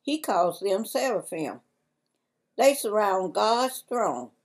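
An older woman with a Southern US accent, slowly and carefully reading a church devotion in a library on a lapel mic. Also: medium pitch, big pitch swings, rough recording. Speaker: devotion reader.

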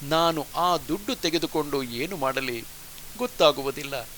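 A man voicing a devoted young wife in an audiobook, speaking in soft, earnest pleas. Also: on the high side, measured pace, slight background noise, voice pushed down.

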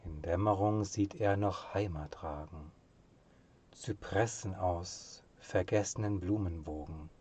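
In a low, slightly rough voice, a man recites literary poetry, solemn, measured and expressive, letting the ends of his phrases sink to a hush.

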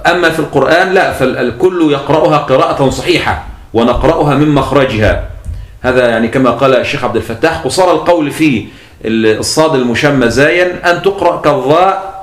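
A man's voice: mid-range voice, fast talker. A man with an Egyptian accent teaching a lesson, explaining step by step and repeating key points for his students. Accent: Egyptian Arabic. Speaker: teacher of Quran sciences. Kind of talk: recorded lecture. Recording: echoey room.

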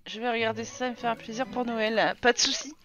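Streamer, young French woman, chatty and teasing, bright, slightly high voice, faint background noise. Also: steady tone, fast talker. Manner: chatty, teasing, talks to chat and game characters. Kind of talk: casual live-stream chat.

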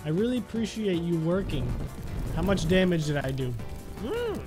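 Over background music, a young adult gaming host gives loose, jokey play-by-play of his game, playful, exclamatory, mock-serious. He speaks at normal speed in a high, sing-song voice.

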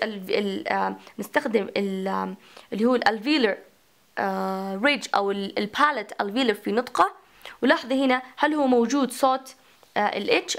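Woman lecturer, slightly high voice, talks herself through questions. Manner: mixes English terms into Arabic, asks and answers her own questions. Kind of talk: recorded phonetics lecture.

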